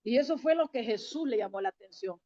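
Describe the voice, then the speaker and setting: Female preacher, fairly high voice, chatty sermon full of questions, dry and dull recording. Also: expressive, a little fast, warm tone, no echo. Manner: conversational, direct address with rhetorical questions.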